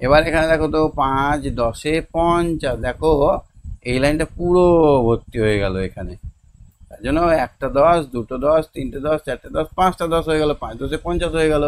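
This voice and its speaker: A man's voice: fairly high pitch, a little hiss or hum. Patient man teaching young children. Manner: slow, patient counting and word-by-word pronunciation drills. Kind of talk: homework tutorial for young children.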